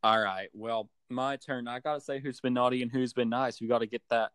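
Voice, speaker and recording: A man's voice: medium pitch, steady tone, a little fast, a bit bright, clear, resonant tone, no room sound, clean studio sound. A young man in a casual sports voice chat over a phone, giving opinions in a teasing, mock-serious way. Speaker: sports podcast co-host. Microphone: remote voice chat call on a phone.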